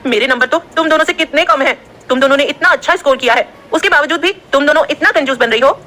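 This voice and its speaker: A woman acts out a loud, dramatic young student girl in an audio story. She talks excitedly in a bright, high voice, as if she's always just about to shout. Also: fast.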